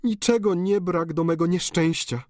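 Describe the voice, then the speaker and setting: A male audiobook reader voicing a remorseful, despairing countess in a high, pleading voice. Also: moderate pace, darkish tone, dry recording, studio quality, close to an everyday voice. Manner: pleading, anguished, high-pitched. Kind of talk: audiobook character reading.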